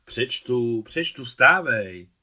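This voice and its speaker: A man's voice: medium pitch, lively intonation, sharp tone. A man reading aloud who voices a firm, caring village aunt who gives orders. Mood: bossy. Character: brisk warm-hearted village aunt, woman.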